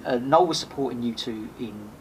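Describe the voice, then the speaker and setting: A man's voice: medium pitch, normal speed. A man, a podcast host appearing as a guest, telling a rambling casual story full of restarts and swearing. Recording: noisy background hiss.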